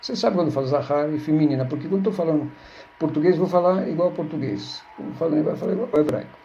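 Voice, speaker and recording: A man with a gravelly, mellow voice patiently explains grammar, often repeating words and checking that listeners follow. The recording sounds dull and lo-fi. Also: on the high side, very fast. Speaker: Hebrew teacher.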